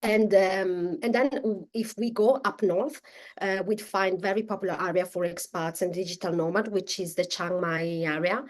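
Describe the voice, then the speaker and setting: A woman, speaking as an interview guest in a casual, halting way with many restarts and fillers. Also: mid-range voice, steady tone. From Italy.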